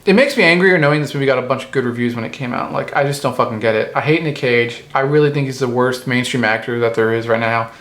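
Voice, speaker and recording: A man's voice: medium pitch, fast talker, few pauses, a bit bright. Profane ranting man in an echoey room. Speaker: movie reviewer. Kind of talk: comedic ranting movie review. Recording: roomy echo.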